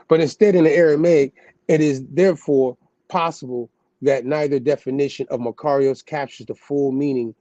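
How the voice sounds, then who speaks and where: Laid-back slangy man, mellow dull sound. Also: medium pitch, no echo. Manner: loose slangy asides, calling the listener "God". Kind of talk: casual talk mixed with reading aloud.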